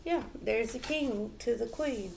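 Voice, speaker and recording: A woman giving a tarot reading to viewers, slow and reflective, with many fillers and restarts. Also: fairly high pitch, vocal fry, heavy background noise. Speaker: tarot reader.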